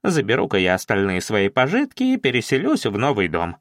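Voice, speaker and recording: Мужчина озвучивает упрямую старую деревенскую женщину, которая насмешливо и с вызовом спорит с вождём и знахарем. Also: male voice, fairly low pitch, huge pitch swings, a little fast, no room sound, studio quality. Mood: defiant. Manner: mocking, defiant. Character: stubborn defiant old village woman.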